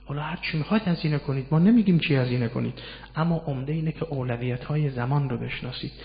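A man giving a religious lecture on Quranic verses, explaining step by step and slowing down to recite Arabic verses. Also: on the high side, creaky. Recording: roomy hall echo, dull lo-fi sound.

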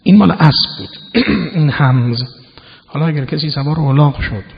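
A man's voice: lively intonation, vocal fry. Man preaching in an echoing hall. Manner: explains word by word, with sudden loud emphasis then low asides. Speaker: religious lecturer. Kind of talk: sermon explaining scripture. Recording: dull lo-fi recording in a reverberant hall.

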